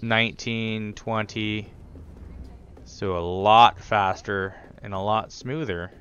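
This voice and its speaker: A man with a lowish, smooth voice chats casually while streaming a game, now and then muttering under his breath as he works through his settings. The audio is dull and lo-fi, like stream sound. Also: steady tone, slow pace, fairly bright tone. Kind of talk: casual gaming stream chat.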